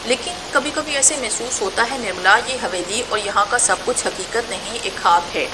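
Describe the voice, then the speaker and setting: A woman's voice: a little high, noisy background, close to an everyday voice. A woman reading the part of an injured, stubborn young man who speaks defiantly and questioningly in a storybook reading.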